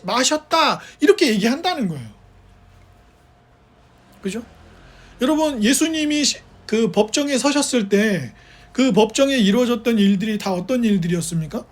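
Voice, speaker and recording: A male pastor delivers a sermon in a relaxed, talking style. His voice rises and falls widely as he animates a story. He keeps turning to the congregation with rhetorical questions. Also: very high voice. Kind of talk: conversational sermon. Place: church service.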